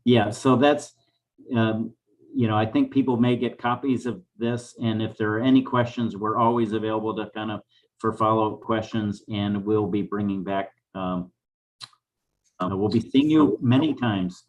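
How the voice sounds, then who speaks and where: Male project presenter with a fairly low voice, explanatory and a bit halting, informal meeting delivery. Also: fairly even intonation, lo-fi sound.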